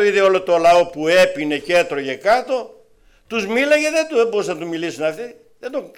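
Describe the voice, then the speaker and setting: In this testimony sermon, a man from Greece preaches and shares testimony stories. He tells them in a lively, animated way, his voice swinging widely in both pitch and volume, from loud to soft.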